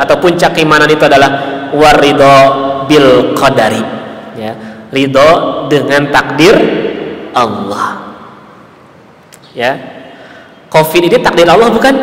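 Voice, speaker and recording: A male Islamic preacher with a Sundanese accent giving a sermon, asking the congregation rhetorical questions and punctuating lines with a steady "ya". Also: a little high, reverberant, in a large hall, poor audio. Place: mosque hall.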